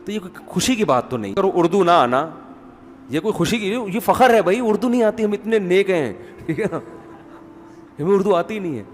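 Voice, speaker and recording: A man's voice: high voice, animated, big-room sound, a little hiss or hum. A middle-aged man giving family advice in an informal, teasing talk, often acting out the people he describes. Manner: conversational, teasing, acts out quoted voices.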